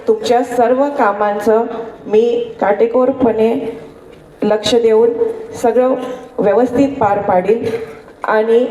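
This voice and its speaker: Echoing, higher-pitched woman giving a campaign speech. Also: dark tone, muffled recording. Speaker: election candidate. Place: public rally through a sound system. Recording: roomy echo, distant mic, faint noise.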